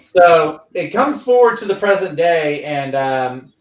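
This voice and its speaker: In an unhurried, casual livestream review, a comic book show host from Louisiana rambles along with plenty of fillers and quick quoted voices. His fairly high voice swings widely in pitch. The mic picks him up from a distance, giving a roomy sound.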